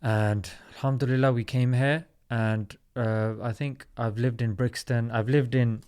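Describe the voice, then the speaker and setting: A man's voice: medium pitch, fairly even intonation, measured pace, a little mellow, smooth. A man in his thirties from South London, a podcast guest telling his story in an earnest, reflective way. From South London, England. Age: 30s. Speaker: podcast guest, comedy YouTuber. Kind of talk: casual interview talk.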